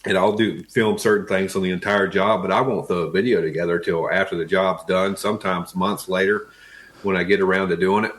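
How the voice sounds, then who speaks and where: A man's voice: sits low, fairly even intonation, fairly quick, a bit bright. A man with an Appalachian accent chatting casually as an interview guest, in a folksy, plainspoken way. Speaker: interview guest, wood flooring tradesman.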